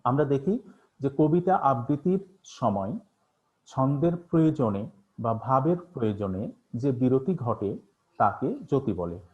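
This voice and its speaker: A man's voice: mid-range voice, big pitch swings, measured pace, pauses often. A man teaching an online class, asking questions and answering them himself, with many fillers. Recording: tinny phone-like online class audio.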